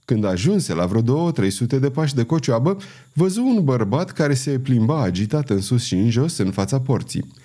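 A man narrating a novel as an audiobook, in a measured, expressive storytelling manner. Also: mid-range voice. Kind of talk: audiobook reading.

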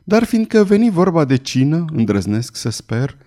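A man's voice: fairly high pitch, sing-song, mellow, voice pushed up. A man doing a tremulous, doting woman innkeeper. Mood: tender. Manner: tremulous, pleading. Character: kind-hearted woman innkeeper, emotional and doting.

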